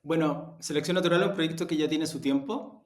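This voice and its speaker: A man with a Chilean accent, an audio production executive appearing as an interview guest, gives reflective answers and hesitates while searching for words. His slightly high voice is steady in tone and brisk. The recording sounds roomy and echoey.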